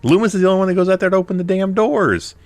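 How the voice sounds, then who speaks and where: A man's voice: sits high, racing, dry recording, faint music behind. A man co-hosting a podcast, chatting casually about a horror film and acting out characters' lines in mocking voices. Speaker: podcast co-host.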